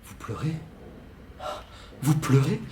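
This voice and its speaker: With a dark, medium-pitched voice and a slow, sing-song delivery, a young man pleads as an anxious lover in a solo stage reading. As a student actor, he stammers and repeats himself. Echo fills the room.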